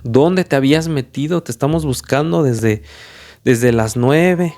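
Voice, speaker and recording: A man's voice: mid-range voice, unhurried, darkish tone, lightly acted. A man voicing an anxious village mother pleading as she searches for her lost son.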